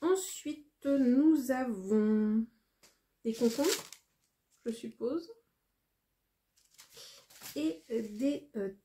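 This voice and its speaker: A woman from France vlogging casually as she unboxes a parcel, talking in a hesitant, rambling way with frequent pauses. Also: a little high, mellow, slight background noise.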